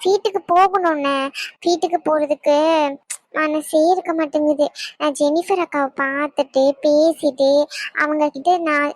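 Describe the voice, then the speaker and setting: A woman doing a squeaky, boastful kid sister. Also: fairly even intonation, normal speed, no room sound, close to an everyday voice. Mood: teasing. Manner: teasing and gushing. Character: chatty, boastful young woman, a little sister.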